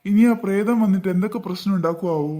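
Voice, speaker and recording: A woman doing cartoon dialogue in a worried, gentle manner. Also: medium pitch, fast talker.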